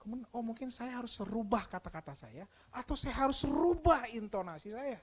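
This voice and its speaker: A middle-aged man preaches a sermon in a lively storytelling way. He acts out the dialogue in his stories and moves between hushed asides and loud, stressed lines. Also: very high-pitched, brisk, husky. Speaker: pastor.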